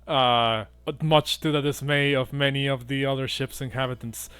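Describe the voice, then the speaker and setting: A man's voice: mid-range voice, fairly even intonation, normal speed, a bit bright, clean tone, no echo. Hesitant man narrating a tabletop game. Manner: hesitant, casual phrasing. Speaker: game master.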